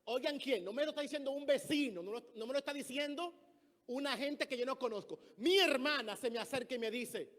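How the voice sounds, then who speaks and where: This man, a pastor from the Dominican Republic, preaches briskly in a very high, fairly bright voice marked by a Dominican Spanish accent. He tells stories and acts out those he quotes, his words trailing into the long reverb of the church hall.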